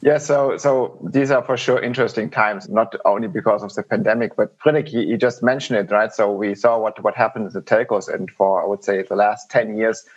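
A man's voice: on the low side, fairly even intonation, fairly quick, hardly any pauses, breathy edge. A man answering interview questions as a podcast guest, talking in a conversational way with many repeated words and restarts. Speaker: podcast guest, software industry director. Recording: dull lo-fi online call audio.

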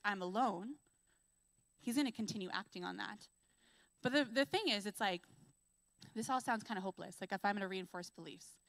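A woman preaching a sermon in a conversational, earnest way, full of casual fillers, who slows down and builds emphasis when she reads scripture. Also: mid-range voice, fairly bright tone, no room sound, rough recording. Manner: reads scripture aloud with slow, rising emphasis. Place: church.

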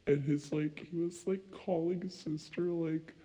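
Husky young guy, highish voice, rants and swears on a late night podcast. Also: unhurried, rough recording. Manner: rambling, swears a lot, animated storytelling. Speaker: podcast co-host. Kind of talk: casual late-night chat.

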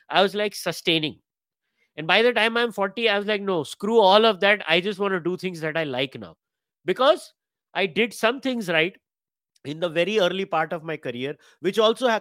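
A man in his forties with an Indian English accent, hosting a podcast interview and talking quickly and animatedly, mixing in Hindi. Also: sits high, fairly bright tone, no echo, studio quality. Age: 40s. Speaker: podcast host. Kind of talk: conversational interview.

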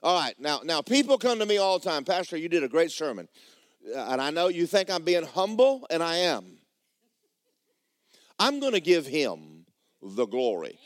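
A man preaching a sermon as a church pastor, emphatic and drawn out, sinking low and quiet at the ends of phrases, then leaping into sudden loud outbursts. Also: dry recording, studio quality. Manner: emphatic preaching with swooping pitch and sudden shouts.

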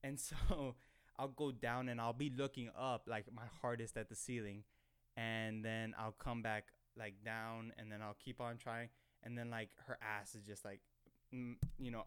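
A young podcast host sits at a desk microphone and tells an embarrassing story as a casual monologue, his medium-pitched voice clear and resonant. He rambles self-consciously, with heavy filler words and restarts.

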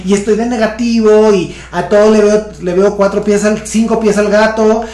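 A Mexican-accented podcast host thinks aloud in a middle-pitched voice, circling back over their words with fillers and restarts. The delivery is casual and reflective. The recording carries a noticeable room echo. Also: fairly even intonation, normal speed, a little mellow. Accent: Mexican Spanish. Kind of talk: casual interview conversation. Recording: echoey room sound.

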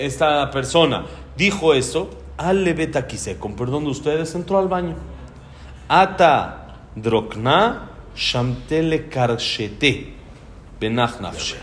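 A man teaching a Talmud lesson, telling the story in a lively way and often pausing on fillers. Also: a little high. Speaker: Torah teacher.

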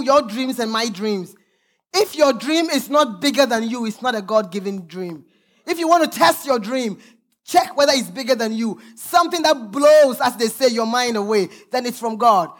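A woman pastor preaching a sermon, reading scripture aloud with emphatic, sometimes sung, calls to the congregation. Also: high-pitched.

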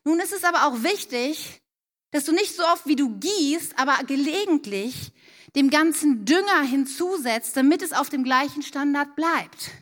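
A middle-aged woman with a high voice gives an earnest church talk on raising children. She talks straight to the parents in the room, direct and heartfelt, as if coaching each one. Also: animated, moderate pace, fairly bright tone.

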